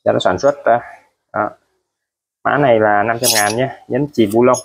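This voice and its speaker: A used tool seller presents his tools one at a time in a casual product showcase, his medium-pitched voice steady, moderately paced and touched with vocal fry. Chatty and repetitive, he restates every price and closes phrases with friendly particles. A faint hum sits beneath the audio.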